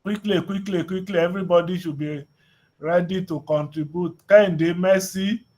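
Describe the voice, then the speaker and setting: A middle-aged man teaching a university class, speaking haltingly and calling on students by name. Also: high voice, steady tone, darkish tone. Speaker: lecturer.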